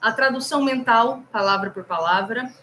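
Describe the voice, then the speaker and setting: Brazilian lady teaching english live, kinda high voice, chatty and animated, bit of hiss behind. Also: normal speed. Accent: Brazilian Portuguese. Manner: chatty, animated, talks straight to viewers. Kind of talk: live online English lesson.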